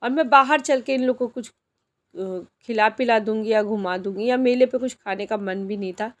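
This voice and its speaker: Speaking at a normal speed in a voice on the high side, a woman vlogger narrates her outing. Her manner is chatty, and she often addresses her viewers directly, treating them like friends in this casual narration.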